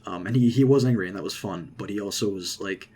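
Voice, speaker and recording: Rambling young man, husky low voice. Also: fast. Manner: rambling and excited, many fillers and restarts. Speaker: vlogger. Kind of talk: casual movie reaction monologue.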